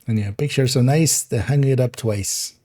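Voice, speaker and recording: A man's voice: medium pitch, normal speed, mellow. A man streaming a video game, chatting casually as he plays, rambling and giggling, often restarting his sentences. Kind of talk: casual gameplay commentary.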